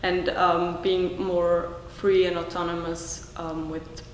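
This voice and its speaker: A young woman from Austria, a teaching assistant, giving thoughtful, measured interview answers. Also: lowish voice, little pitch movement. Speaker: German language teaching assistant. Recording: echoey hall, mic at a distance, faint background hiss.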